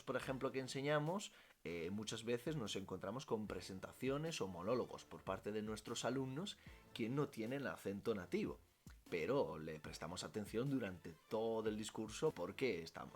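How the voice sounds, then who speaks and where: A man with an Italian accent, a language teacher answering questions in a casual vlog, talking freely and correcting himself as he goes. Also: fairly low pitch. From Italy. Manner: animated, self-correcting, thinks aloud with fillers.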